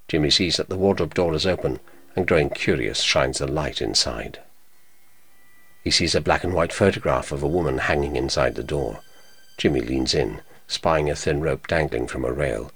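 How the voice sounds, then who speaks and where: A man narrating an audio description in a measured, neutral manner. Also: very deep voice, fairly bright tone, slightly rough. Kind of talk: scripted narration.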